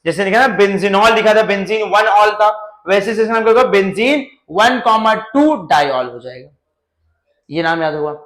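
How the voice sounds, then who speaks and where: A male chemistry teacher giving a lively lecture, asking his students questions and answering them himself, with jokes along the way. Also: sits high, moderate pace, reverberant, low-quality recording.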